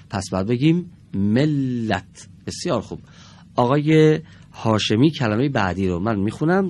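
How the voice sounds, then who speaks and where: A man teaching a televised reading lesson to children in a studio, patiently and slowly sounding out each word for his pupils. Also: lowish voice, a little mellow, slight background noise.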